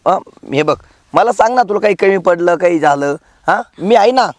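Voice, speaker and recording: A man's voice: sits high, expressive, moderate pace, darkish tone, no room sound, studio quality. A man playing a young husband caught between his mother and his wife in a village comedy skit, pleading with both. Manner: pleading, placating. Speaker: son and husband.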